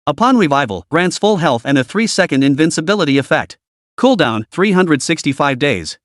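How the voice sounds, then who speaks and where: A man voices an apocalypse game system that announces skills and sale prices in a listing cadence. The pitch is a touch high and lively. The sound is close and dry. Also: fairly quick, no room sound. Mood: announcing.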